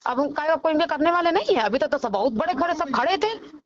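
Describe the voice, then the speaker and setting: Dismissive, bitter woman, high voice. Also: lively intonation, brisk, dull audio. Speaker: injured man's wife. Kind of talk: heated argument.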